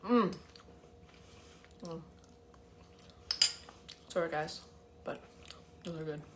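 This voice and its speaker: A woman's voice: low-pitched, extremely slow, very noisy. A chatty woman hosting a casual live cooking demo from her home kitchen, talking to viewers and selling cookware. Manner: chatty, bubbly, talks to viewers. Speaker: cooking demo host and sales consultant.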